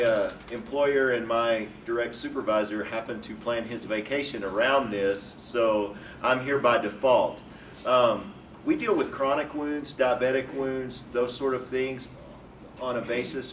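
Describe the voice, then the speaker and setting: A man's voice: mid-range voice, steady tone, a little slow. Young guy on a panel, laid back, roomy hall sound, mic far off. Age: young adult. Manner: easygoing, self-deprecating. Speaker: clinical nurse manager, panelist. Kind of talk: panel remarks. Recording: roomy, distant mic, faint noise.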